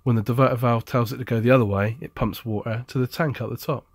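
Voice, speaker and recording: A man's voice: medium pitch, steady tone, fast talker, no room sound, clean studio sound. A man explaining appliance repair in a casual, chatty how-to style, blunt and jokey, with a sarcastic streak.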